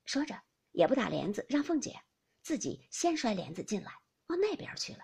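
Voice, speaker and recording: A woman narrating a classic novel aloud, telling it with expressive, dramatic storytelling. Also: on the high side, fairly quick, gravelly, breathy edge.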